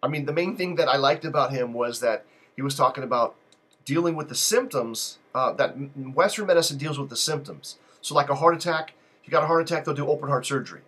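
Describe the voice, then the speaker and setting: A man's voice: mid-range voice, fast talker, fairly bright tone, slightly rough. A man hosting a live call-in stream, talking in a loose, digressive and joking way. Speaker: live call-in show host. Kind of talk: rambling live-stream monologue.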